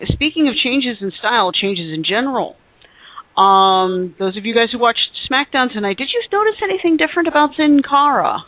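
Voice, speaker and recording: A man co-hosting a casual podcast chat, giving measured, opinionated takes. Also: extremely high pitch, lively intonation, pushed and bright, dry recording. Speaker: podcast co-host. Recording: muffled lo-fi audio.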